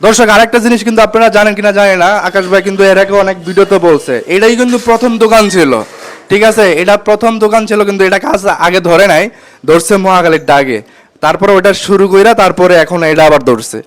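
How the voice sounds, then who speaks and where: A man vlogging casually to his viewers, chatty and excited, repeating himself. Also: high-pitched, fast talker. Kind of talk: casual vlog, addressing viewers.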